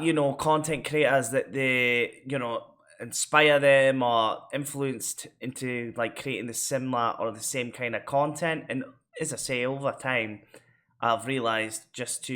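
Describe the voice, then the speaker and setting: Scottish guy chatting about his vlogs, bright forceful voice, loads of um and you know. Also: mid-range voice. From Scotland. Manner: rambling, full of fillers and restarts. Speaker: vlogger. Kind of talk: casual reflective chat.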